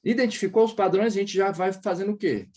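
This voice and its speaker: Brazilian guy tutoring french one on one, kinda breathy raspy voice, keeps asking if you got it. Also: high voice, fast, a little mellow. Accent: Brazilian Portuguese. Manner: explanatory, models sounds for the student to repeat, keeps checking understanding. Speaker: French teacher. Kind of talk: casual one-on-one lesson.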